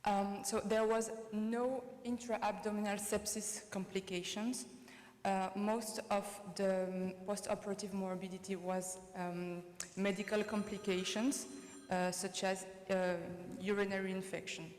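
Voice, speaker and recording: A woman's voice: mid-range voice, level tone, a little slow, darkish tone. French-accented woman in an echoey hall. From France. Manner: reads formally, hesitant with fillers when answering. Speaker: surgeon presenting research. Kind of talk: conference presentation. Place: conference hall. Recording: echoey conference hall reverb.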